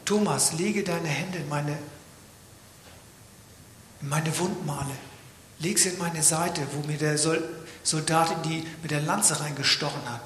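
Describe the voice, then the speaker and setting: A man's voice: on the high side, measured pace, long pauses, fairly bright tone, a little hiss or hum. A man preaching a sermon in a church, dramatic, sometimes dropping to a whisper for emphasis. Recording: echoey church hall with long reverb.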